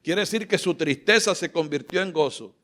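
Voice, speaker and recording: Male pastor, bright edgy tone, impassioned fervent sermon delivery. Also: on the high side, moderate pace. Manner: impassioned, rises to loud fervent exclamations and gets choked up. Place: church sanctuary.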